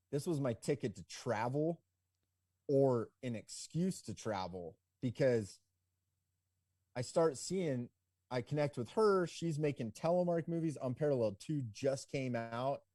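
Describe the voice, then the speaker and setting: A man of around forty, a guest on a podcast interview, telling his story in a relaxed, rambling way full of "like" and "you know". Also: mid-range voice, measured pace, dry recording, clean studio sound. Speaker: podcast guest, ski business owner.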